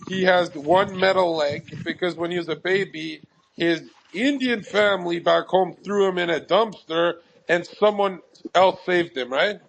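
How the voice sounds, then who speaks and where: A man's voice: sits high, measured pace, vocal fry, fairly bright tone, a little hiss or hum, poor audio. A man co-hosting a casual group chat, teasing the others.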